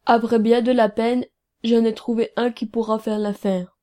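A woman voicing a shifty male client with a chronic cold, answering slowly and hesitantly. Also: medium pitch, level tone, mellow, natural voice. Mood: evasive. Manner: slow, hesitant, stuffy-voiced.

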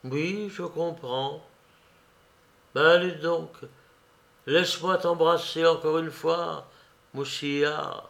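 A man's voice: fairly high pitch, steady tone, takes it slowly, creaky, pauses often, a bit bright, full character voice. A man voicing a sad young woman prisoner, sorrowful and subdued, in an audiobook.

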